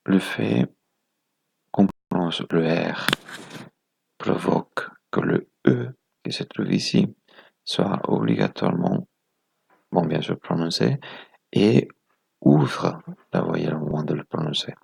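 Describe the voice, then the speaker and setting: Low-pitched male teacher, unhurried and methodical, heavy vocal fry, self-correcting. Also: very animated, a little mellow, no room sound. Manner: methodical, counting items aloud, corrects himself. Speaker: presenter of a phonetics video lesson. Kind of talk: explaining a lesson step by step.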